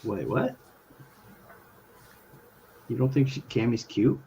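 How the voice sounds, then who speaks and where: A man's voice: mid-range voice, animated, takes it slowly, creaky, dark tone, slight background noise, rough recording. A man co-hosting a drawing talk show, chatting casually and teasing in joking banter. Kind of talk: casual chat while drawing.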